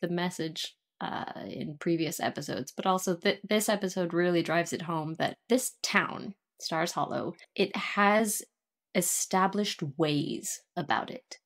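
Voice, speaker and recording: A woman's voice: lowish voice, a little slow. A woman co-hosting a casual podcast, talking in a thoughtful, rambling way and laughing often. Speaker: podcast co-host. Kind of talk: casual chat.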